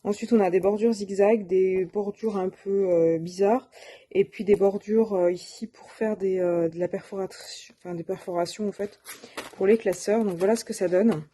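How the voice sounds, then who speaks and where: A woman's voice: medium pitch, steady tone, normal speed, mellow, slight background noise. A woman presenting her shopping haul of craft supplies in a casual, hesitant way, with many fillers and self-corrections. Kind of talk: casual show-and-tell.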